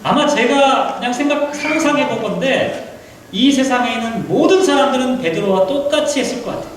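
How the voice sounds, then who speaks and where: A male pastor preaching a sermon in a church, animated and full of rhetorical questions. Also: very high-pitched, brisk, recorded from a distance. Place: church sanctuary. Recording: echoey hall, mic from afar, faint hiss.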